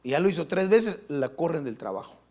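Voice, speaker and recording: A man's voice: a little high, very animated, brisk, darkish tone. A man preaching a fervent sermon as pastor at a live church service, often asking the congregation rhetorical questions.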